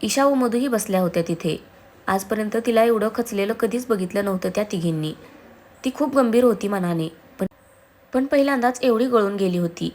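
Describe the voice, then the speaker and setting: A woman storyteller reading scripted narration with a steady, even delivery. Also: medium pitch, brisk.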